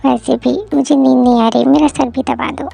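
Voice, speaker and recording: Brief: woman plays clingy newlywed wife, pleading and teasing, audio drama, high-pitched. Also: fairly even intonation, moderate pace, gravelly, dark tone, exaggerated voice. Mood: whiny teasing. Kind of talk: Hindi fan audio drama.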